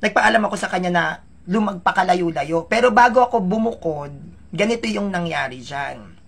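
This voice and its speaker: Man, casual vlogger, gravelly texture, chatty and emotional, speaks straight to viewers. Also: sits high, animated, moderate pace, a bit bright. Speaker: vlogger telling his life story. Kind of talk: casual personal storytelling.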